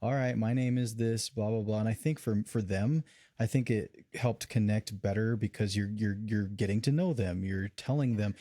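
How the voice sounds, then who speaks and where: Low, dark-voiced man in podcast chat. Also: steady tone, normal speed, dry recording, clean studio sound. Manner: earnest, many restarts. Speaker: paranormal investigator.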